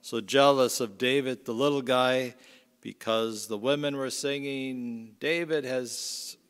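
Slow-spoken priest in a cathedral echo. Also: male voice, medium pitch, fairly even intonation, a bit bright, smooth. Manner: measured, unhurried liturgical delivery. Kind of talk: gospel reading and homily. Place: large church. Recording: long church reverb.

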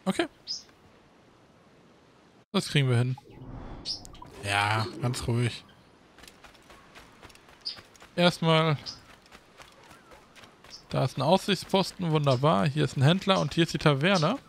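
A man giving casual gameplay commentary as a Let's Play host, thinking aloud in a relaxed, chatty way. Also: fairly high pitch, a little slow, creaky, long pauses, a little hiss or hum.

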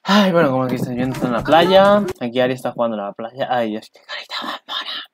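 A man's voice: medium pitch, expressive, quick pace, music in the background, poor audio. A man chats casually over an anime preview, rambling, exclaiming and swearing as he goes. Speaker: anime reaction youtuber. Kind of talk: casual commentary.

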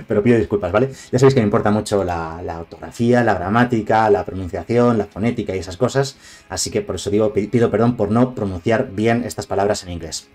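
A Spanish man with a Castilian accent and a lowish, darkish voice chats on a live stream, casually and digressively. He reviews cards and greets his viewers.

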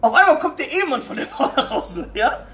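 Animated man telling a joke. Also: very high voice, a little fast, a little hiss or hum. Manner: animated, filler-heavy ("ja?"). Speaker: comedian.

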